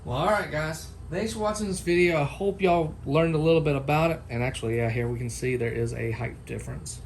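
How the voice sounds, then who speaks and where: A man with a slightly high voice talks briskly and off the cuff, like a product reviewer chatting with viewers in a homemade unboxing and comparison vlog. His manner is informal, folksy and unscripted, with a little background noise behind him.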